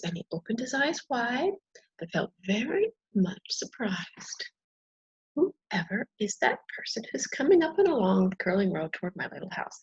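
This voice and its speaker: A woman reading a children's picture book aloud, gently and expressively, as a storyteller. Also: medium pitch, husky, highs cut off.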